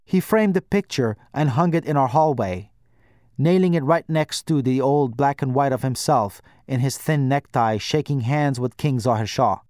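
A man narrating a first-person audiobook in a measured, wry storytelling manner. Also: medium pitch, darkish tone, no room sound, studio quality.

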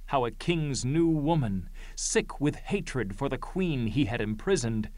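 A man playing a grave chorus elder in a Greek tragedy, reciting verse with solemn, measured declamation. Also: mid-range voice, expressive, darkish tone, no room sound, lightly acted. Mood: solemn lament.

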